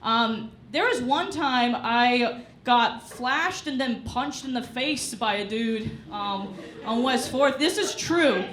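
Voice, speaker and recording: A woman's voice: fairly high pitch, expressive, slow pace, a bit bright. A young woman performing a stand-up comedy set on a club stage, chatty, with lots of "you know" asides. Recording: echoey club with audience noise. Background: live audience laughter.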